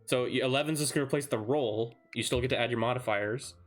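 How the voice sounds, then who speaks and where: A man acting as dungeon master, explaining rules patiently in a relaxed way over voice chat. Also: mid-range voice, fast talker, soft background music. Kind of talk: running a tabletop game over voice chat.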